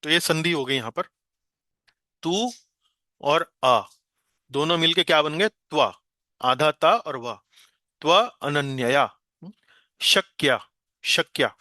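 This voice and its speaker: A man teaching an online class on a Sanskrit verse, explaining patiently with many hesitations and chanting the words slowly. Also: a little high, sharp tone, no room sound, studio quality.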